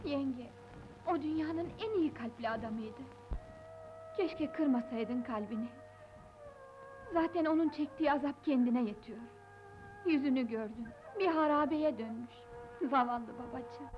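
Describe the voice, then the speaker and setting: An actress playing a young daughter who grieves tearfully and pleads in an old film drama. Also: female voice, sits high, unhurried, pauses often. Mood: grieving. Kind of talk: 1950s film drama acting. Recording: dull old film soundtrack with loud music.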